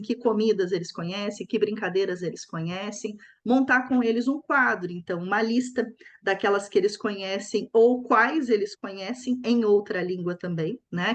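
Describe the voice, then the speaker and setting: Woman, workshop participant, walks through a lesson plan on a video call; loose, filler-heavy delivery. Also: mid-range voice. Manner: many fillers like "né", thinking aloud. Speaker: workshop participant presenting an activity. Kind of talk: explaining a classroom activity on a video call.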